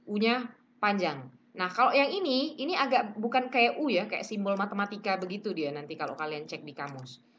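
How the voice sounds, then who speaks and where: A woman teaching pronunciation in a relaxed online lesson, chatting easily and modelling each sound aloud. She slides between casual talk and English phrases. Her voice sits at an ordinary middle pitch and comes through a somewhat muffled, lo-fi recording. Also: fairly quick, a little hiss or hum.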